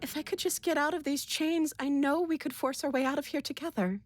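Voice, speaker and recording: Game voice of a young cartoon princess, acted by a woman, high and very dry in sound. She is a captive, speaking softly and calmly with a pleading edge. Faint music plays behind her. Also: fairly quick, dry recording, close to an everyday voice. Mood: earnest, urging.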